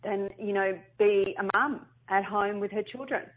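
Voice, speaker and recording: A woman's voice: mid-range voice, fairly even intonation, moderate pace, background noise. A middle-aged woman, a business founder telling her story in an interview. She talks animatedly, often restarts and repeats herself, and acts out the quotes. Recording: slightly dull lo-fi sound.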